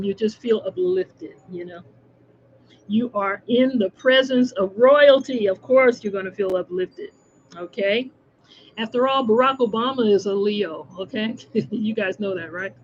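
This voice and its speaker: A woman with a fairly high voice reads an astrology passage at an unhurried pace. She keeps stopping to comment in a loose, chatty way, tagging her points with little chuckles and "okay?". The sound is dull and lo-fi, with a faint hiss underneath. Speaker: astrology channel host. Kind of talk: reading aloud and commenting.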